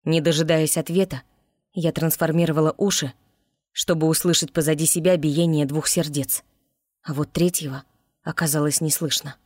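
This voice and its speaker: A woman narrating a fantasy audiobook in first person with an expressive reading. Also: deep voice, normal speed, no echo, clean studio sound.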